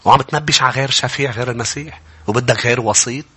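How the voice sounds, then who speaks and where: A man with a Lebanese accent preaching a sermon, swinging from quiet, close speech to loud, impassioned peaks. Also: medium pitch, very fast, breathy edge. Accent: Lebanese Arabic. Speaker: pastor.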